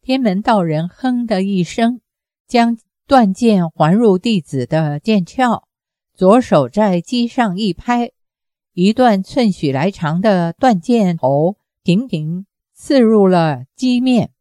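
A woman narrating a martial-arts novel as an audiobook, with even, measured storytelling. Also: mid-range voice, no echo, clean studio sound. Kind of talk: novel reading, steady narration.

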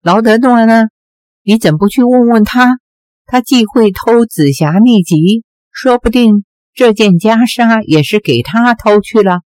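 A woman voicing an earnest, gentle young male swordsman who pleads and protests his innocence, read slowly. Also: fairly high pitch, lively intonation, no room sound. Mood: pleading.

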